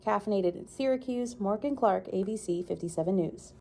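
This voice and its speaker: A woman's voice: medium pitch, a little fast, vocal fry, a little mellow, slight background noise. A woman reporter reading a scripted news feature voice-over in an upbeat, playful way.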